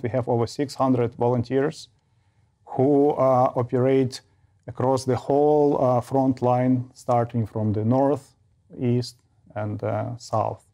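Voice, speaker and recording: A man from Ukraine with a Ukrainian accent, a charity founder answering interview questions haltingly with many fillers. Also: mid-range voice, dark tone.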